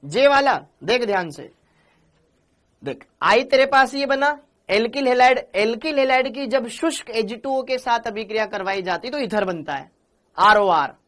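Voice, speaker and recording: A man's voice: extremely high pitch, lively intonation, measured pace, fairly bright tone. Chatty Hindi-speaking male chemistry teacher. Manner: chatty, calls students beta, repeats answers. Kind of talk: live online class.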